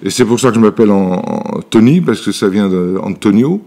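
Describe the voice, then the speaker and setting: A man's voice: on the low side, lively intonation, a little fast, dark tone. A man in his seventies from Italy, telling his life story as an interview guest in his workshop, with hesitant speech full of fillers and restarts. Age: 70s. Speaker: interview guest, elixir maker. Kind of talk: relaxed personal storytelling.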